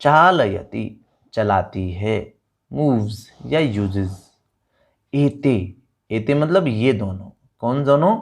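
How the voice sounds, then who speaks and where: A man's voice: lowish voice, lively intonation, mellow. A man teaching a Sanskrit lesson, reading out words for students to repeat and explaining each one in Hindi and English. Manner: slow, drawn-out word-by-word pronunciation with call-and-repeat drills. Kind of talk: online language lesson.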